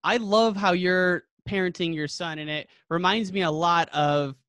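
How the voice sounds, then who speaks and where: A male podcast host with a fairly high voice for a man, recorded close and dry with no room sound. He is friendly and admiring, and his questions wander before they land. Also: moderate pace, a bit bright, clean tone, no echo. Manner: friendly, admiring, asks long rambling questions. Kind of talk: casual interview questions.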